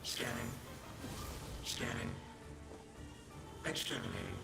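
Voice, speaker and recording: Stern video-game security robot. Measured mid-pitch, gravelly, flat and clipped. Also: male voice, loud music behind the voice. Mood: cold, mechanical. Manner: flat, clipped machine announcements. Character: stern giant male security robot guarding a hideout.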